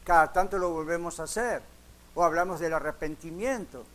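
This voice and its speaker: High-voiced pastor preaching a lively sermon. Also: male voice, fairly quick. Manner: lively storytelling with acted quotes.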